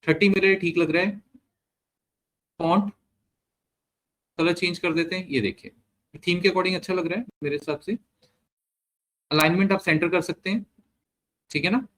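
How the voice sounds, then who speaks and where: A man giving a step-by-step screen-share software lesson, mixing Hindi with English terms and often checking in with the learner. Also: high-pitched, normal speed, long pauses. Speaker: software trainer.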